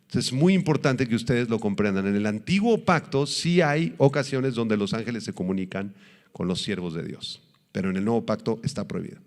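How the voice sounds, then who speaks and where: A pastor delivering a sermon, teaching in an animated way and slowing down to stress his points. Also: medium pitch, big-room sound. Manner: animated preaching, acts out quoted voices, slows for emphasis.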